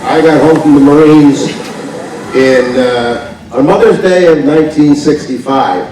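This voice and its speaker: A man's voice: on the high side, unhurried, background noise. Older man telling stories in a hall. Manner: rambling storyteller, chuckles often. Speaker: park veteran telling stories. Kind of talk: casual anecdote to an audience. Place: large indoor presentation hall. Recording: echoey hall, from far off.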